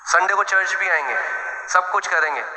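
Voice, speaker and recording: A man's voice: sits high, normal speed, bright, forceful tone. A man preaching a sermon as pastor, blunt and direct, calling out questions to the congregation. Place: church hall. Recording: echoey hall, long reverb.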